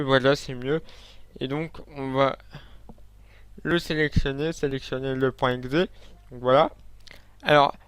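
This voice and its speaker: A man hosting a screen-recorded software tutorial, casual and hesitant, with many fillers and restarts as he talks straight to viewers. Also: mid-range voice, clean tone, dry recording.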